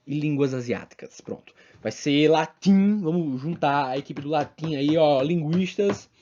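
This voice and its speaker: A woman's voice: low-pitched, measured pace, warm tone. A young woman hosting a podcast, ranting in an exasperated comic monologue full of swearing and rhetorical questions. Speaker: podcast host. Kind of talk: solo comic rant. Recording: dull lo-fi recording.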